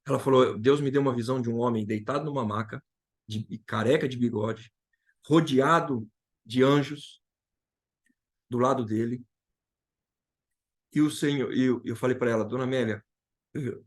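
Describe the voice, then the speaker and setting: A man's voice: medium pitch, fairly even intonation, fairly quick. A man from Brazil sharing an emotional personal testimony as a guest, retelling dialogue and repeating key phrases.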